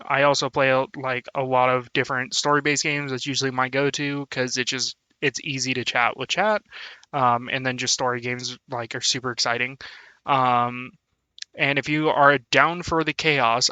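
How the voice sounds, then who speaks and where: A man's voice: medium pitch, steady tone, normal speed, bright, forceful tone, clean tone, dry recording. A young man chatting casually on a live stream, laughing often and thanking his viewers. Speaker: VTuber streamer.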